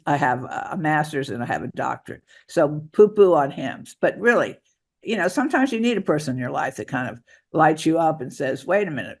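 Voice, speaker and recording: A man answering interview questions as a guest author and advocate, talking in a halting way with many restarts. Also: a little high, gravelly.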